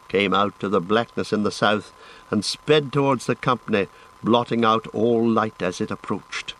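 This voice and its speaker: A man narrating an audiobook in a measured, dramatic way. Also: lowish voice, fairly bright tone, rough recording. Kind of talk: scripted narration.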